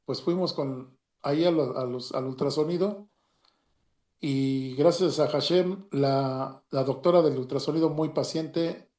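A man with a Mexican Spanish accent tells a personal story in a halting way, with many restarts and retold dialogue. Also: on the high side, warm tone. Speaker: storyteller giving a personal testimony. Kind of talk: emotional personal story, casual. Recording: roomy echo.

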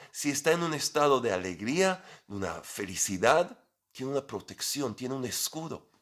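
A man's voice: fairly high pitch, fairly bright tone. A man teaching a religious lesson, retelling a scripture story with animation and asking his listeners rhetorical questions.

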